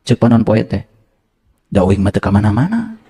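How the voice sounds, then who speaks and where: A man's voice: lowish voice, sing-song, moderate pace, dark tone, slightly rough. A man giving an interactive religious lecture, teasing and quizzing his audience. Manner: playful, quizzes and teases the audience, switches into local phrases. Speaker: religious teacher.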